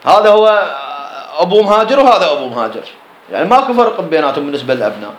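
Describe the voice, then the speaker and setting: A man's voice: a little high, very animated, racing, echoey room, low-quality recording. A man with an Iraqi Arabic accent teaching a jurisprudence class, explaining a text line by line and posing questions he answers himself.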